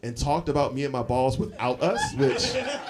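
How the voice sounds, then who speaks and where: A man in his forties telling stories in a live stand-up set, animated and laughing often between lines. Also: mid-range voice, normal speed. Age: 40s. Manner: animated storytelling, frequent laughs and fillers. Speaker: stand-up comedian. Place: comedy club stage with audience. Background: audience laughter.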